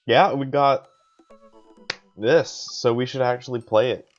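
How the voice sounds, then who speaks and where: A man's voice: medium pitch, steady tone, unhurried, muffled recording, faint music behind. A man streaming a game, chatting casually and reading the story aloud, rambling and laughing often. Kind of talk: casual let's play chat and narration.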